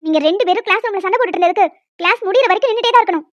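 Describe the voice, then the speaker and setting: A woman doing a shrill strict lecturer. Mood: scolding. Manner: loud scolding, high-pitched and fast. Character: strict scolding female college lecturer. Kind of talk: cartoon voice acting. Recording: dull lo-fi dry sound.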